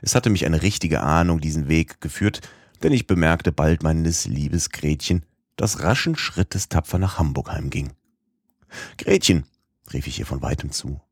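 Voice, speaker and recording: A male audiobook narrator with a very deep, husky voice. He reads a classic novel in a measured, even way. The sound is dry and close. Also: dry recording. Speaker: audiobook reader. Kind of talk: scripted narration.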